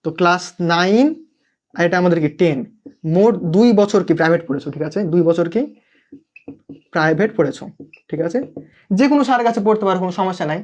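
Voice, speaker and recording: A high-pitched young man tutors English in a live online session, his Bangladeshi Bengali accent audible as he keeps checking in and urging students to comment. He speaks fast with long pauses and a slightly mellow tone. The sound is lo-fi.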